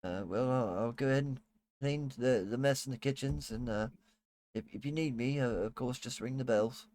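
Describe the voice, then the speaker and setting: A man's voice: medium pitch, moderate pace, darkish tone, close to an everyday voice. A man voicing a nervous, apologetic, deferential servant woman who stammers, in a tabletop role-playing game. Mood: meek, hesitant.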